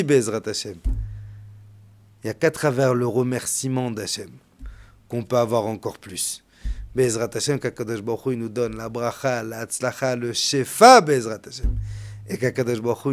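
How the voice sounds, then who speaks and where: A man, a rabbi, delivering a storytelling sermon, swinging from hushed to loud. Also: medium pitch.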